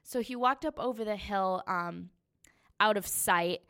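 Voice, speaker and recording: Young woman, hunter recounting her trip; smooth, clear voice, animated and chatty. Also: mid-range voice, unhurried. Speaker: hunter telling her story. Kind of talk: casual storytelling.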